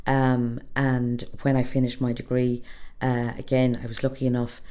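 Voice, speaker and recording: A middle-aged woman with a west of Ireland accent giving thoughtful, conversational interview answers, pausing to find her phrasing. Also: very deep voice, monotone, dark tone. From Galway, west of Ireland. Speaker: interview guest, public relations professional.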